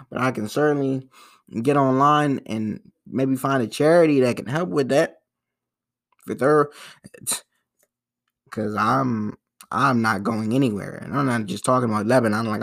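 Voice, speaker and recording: Gravelly and medium-pitched, this young podcast host rambles through casual solo commentary. His delivery is loose and profane, full of slang and constant restarts.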